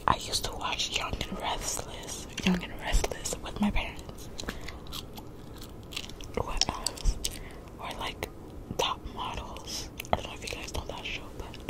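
A woman in her twenties doing laid-back, rambling ASMR chat in a breathy whisper, close to the mic, softly repeating her phrases. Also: poor audio. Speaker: ASMR creator. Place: small bedroom, lying in bed. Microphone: desk condenser microphone very close to the mouth.

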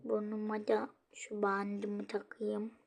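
A woman narrating a casual toy role-play, musing softly to herself in a half-whisper. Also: medium pitch, monotone, slow, vocal fry.

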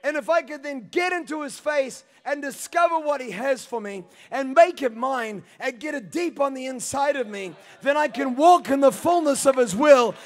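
A high-pitched man in his thirties preaches with fervour on a church stage, dropping to near-hushed phrases and then climbing to shouts. His voice rings through a long hall reverb from a handheld mic. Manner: passionate, swings between hushed and shouting. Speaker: pastor. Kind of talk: sermon.

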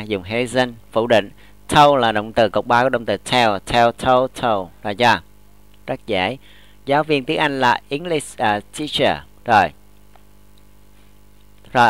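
A man, teaching English grammar in a classroom lesson, explaining slowly and often checking that students follow. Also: medium pitch, a bit bright, clean tone, dry recording. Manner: models English example sentences slowly.

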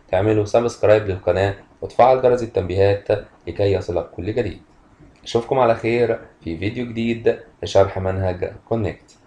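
A low-pitched man teaches a primary-school English lesson in Egyptian Arabic. He reads each English sentence slowly and carefully. Then he translates it and explains it in a patient classroom way. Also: a little mellow.

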